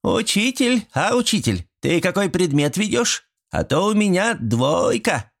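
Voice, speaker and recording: A man's voice: high-pitched, big pitch swings, a little slow, creaky, pitched above the performer's own voice, full character voice. A man voicing a group of cheeky village women with bawdy, giggling banter. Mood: teasing. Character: cheeky teasing village women, middle-aged.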